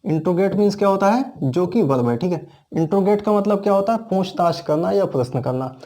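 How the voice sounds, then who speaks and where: Speaking a little fast, an Indian-accented English teacher breaks down grammar in class one step at a time. His voice sits high and sounds warm and animated. He keeps asking questions, then answering them himself.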